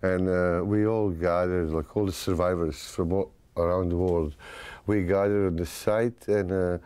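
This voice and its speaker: Deep, mellow Bosnian-accented man. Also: fairly even intonation, a little slow, clear, resonant tone. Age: 40s. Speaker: filmmaker, interviewee. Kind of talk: reflective personal interview. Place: small home studio room.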